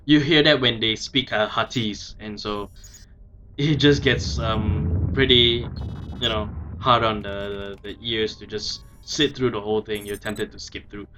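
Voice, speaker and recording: A man giving casual game commentary, thinking aloud in a hesitant, halting way. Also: lowish voice, fairly even intonation, lo-fi sound, over music. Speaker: let's play commentator.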